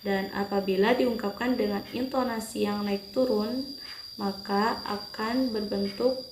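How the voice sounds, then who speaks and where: A young woman giving a student class presentation, explaining steadily with frequent hesitant pauses. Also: mid-range voice, steady tone. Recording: roomy echo, faint background noise.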